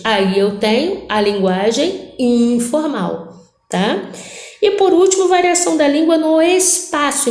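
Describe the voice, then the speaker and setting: A woman's voice: a little high, a little mellow, reverberant. A woman teacher giving a recorded grammar review lesson, explaining step by step and often ending phrases with short tag questions. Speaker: Portuguese language teacher.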